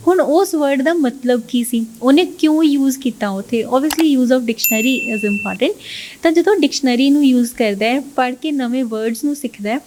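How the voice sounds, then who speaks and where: Describing her teaching approach in an interview, this English teacher weaves English phrases into Punjabi and repeatedly asks "right?" to check in with the listener. Her voice is high and a bit mellow.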